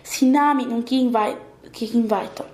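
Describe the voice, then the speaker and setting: A woman's voice: on the high side, unhurried, a little mellow, a little hiss or hum. A woman reading a fantasy story aloud, with small slips and self-corrections, in an echoey room.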